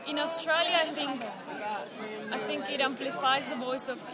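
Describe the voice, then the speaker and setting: A woman's voice: high-pitched, steady tone, normal speed. A young woman from Peru, a student answering interview questions hesitantly, often restarting her sentences. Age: young adult. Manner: hesitant, searching for words with many restarts. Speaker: conference volunteer and student. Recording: loud crowd chatter behind.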